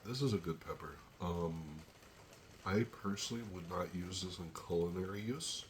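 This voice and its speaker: A man reviewing a hot pepper on his own channel, talking slowly and thinking aloud between pauses while teary and sniffly from the heat. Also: low-pitched, slight background noise. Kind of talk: casual solo tasting review.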